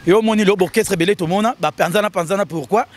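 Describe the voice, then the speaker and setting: Animated high-voiced man talking. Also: quick pace. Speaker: interview guest. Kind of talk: casual interview talk in Lingala and French.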